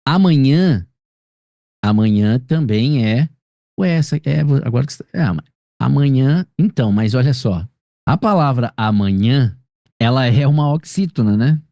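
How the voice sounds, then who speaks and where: Brazilian male teacher, dark mellow voice. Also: mid-range voice, dry recording, clean studio sound. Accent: Brazilian Portuguese. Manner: explanatory, checks understanding with frequent tag questions. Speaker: grammar teacher. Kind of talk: one-on-one tutoring session.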